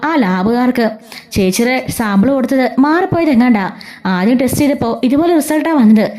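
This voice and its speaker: A woman's voice: on the high side, warm tone, lightly acted. A woman voicing a cheerful, loyal young woman who explains things and reassures her sister-in-law.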